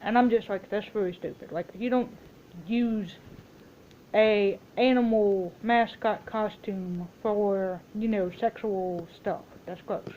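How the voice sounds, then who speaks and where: A woman's voice: mid-range voice, steady tone, slow pace, dark tone, dull audio, slight background noise. A woman in a casual, rambling phone chat, telling stories and quoting herself and other people as she goes. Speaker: vlogger making a phone call.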